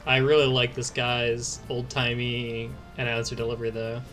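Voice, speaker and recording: A man's voice: mid-range voice, monotone, moderate pace, over music. A man hosting a game playthrough with casual, wry, riffing commentary. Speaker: host playing through a video game.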